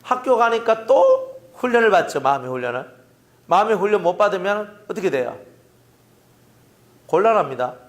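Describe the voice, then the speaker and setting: A man's voice: high-pitched, lively intonation, normal speed. A middle-aged man with a Gyeongsang accent, preaching a sermon as pastor in a folksy, joking way, often asking the congregation questions. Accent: Gyeongsang Korean.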